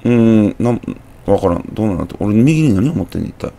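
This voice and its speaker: A young Kansai-accented man comments on a horror game as he plays, talking to himself and jumping with sudden exclamations. He's a fast talker with a fairly low, dark voice, animated and touched with vocal fry.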